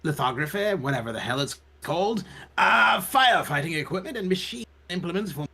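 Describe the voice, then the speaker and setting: A man's voice: on the high side, lively intonation, brisk, creaky, pushed and bright, slightly rough. A man reading game text aloud for a let's play from home, his voice glitching and cutting out over a voice chat call. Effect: voice glitching and cutting out over an online call. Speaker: let's player. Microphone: voice chat mic.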